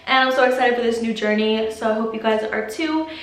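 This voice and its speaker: A woman's voice: a little high, a little fast, a bit bright. A young adult woman answering viewer questions in a casual vlog, candid and chatty, filling her talk with "like". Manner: candid, chatty, heavy use of "like". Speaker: vlogger. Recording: roomy echo.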